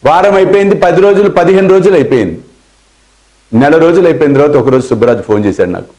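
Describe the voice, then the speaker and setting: A man with a Telugu accent, a spiritual teacher telling a devotional story in a sermon. He acts out the quoted dialogue and slows down for emphasis. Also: a little high, expressive, darkish tone, low-quality recording.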